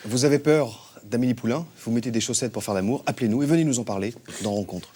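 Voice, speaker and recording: An actor playing a solemn, earnest talk show host, speaking in a hushed interviewer's tone. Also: male voice, medium pitch, fast, heavy background noise, close to an everyday voice. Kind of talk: sketch comedy acting.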